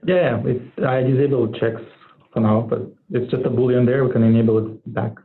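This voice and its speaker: A man's voice: mid-range voice, steady tone, normal speed. Man, technical meeting call, matter-of-fact status update, um fillers, tinny phone-line sound. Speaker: engineer giving a status update. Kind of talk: technical working-group call. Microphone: online meeting call.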